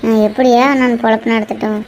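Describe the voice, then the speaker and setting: A woman's voice: fairly high pitch, quick pace, slight background noise, natural voice, poor audio. A woman voicing a distressed, tearful village wife in a cartoon drama, speaking in a with a pleading, reproachful tone. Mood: despairing. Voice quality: pleading, reproachful, flat despairing tone.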